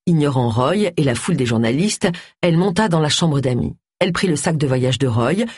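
A woman reads an audiobook with a low, husky voice and a lively, animated delivery. The recording is dry and close, with no room sound. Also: fairly quick, no room sound. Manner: expressive, lively reading. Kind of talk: audiobook narration.

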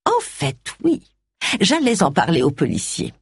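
A woman voicing a very old, sly and gossipy lady, in a high, quavering, drawn-out voice. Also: huge pitch swings, breathy edge, dry recording, studio quality, heavily acted. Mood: aggrieved.

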